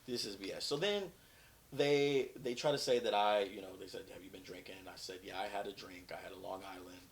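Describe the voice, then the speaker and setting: Guy, ex cop, low voice, tells his story straight and acts out who said what. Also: fairly quick. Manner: frank, animated storytelling with quoted dialogue. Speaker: former police officer, guest. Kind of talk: telling a personal story in an interview.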